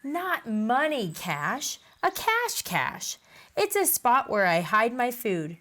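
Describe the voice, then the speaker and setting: A woman doing a high, chattering fox squirrel. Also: big pitch swings, unhurried, a bit bright. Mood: excited. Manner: high, bouncy storybook character voice.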